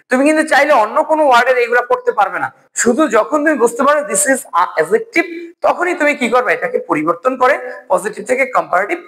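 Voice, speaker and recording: A man teaching a video lesson, who asks the class a question and answers it himself, and spells out word forms slowly one by one. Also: very high voice, pushed and bright, rough recording. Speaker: English teacher.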